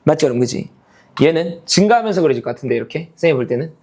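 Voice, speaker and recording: Male math lecturer, fairly high voice, lively intonation, coaxing students with constant "right?" checks. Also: rapid-fire. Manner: constantly checks understanding with tag questions; calls himself teacher, half-casual speech. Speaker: math teacher.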